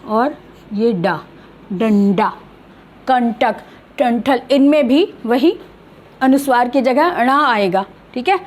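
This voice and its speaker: A middle-aged woman teaching an online grammar lesson, patiently explaining and slowly drawing out each example word. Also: high-pitched.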